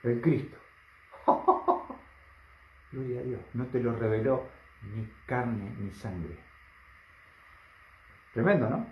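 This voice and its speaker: A man's voice: medium pitch, animated, slow, pauses often, slight background noise. A man preaching a sermon, emphatic and full of rhetorical questions to the congregation. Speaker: pastor. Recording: roomy, slightly dull recording.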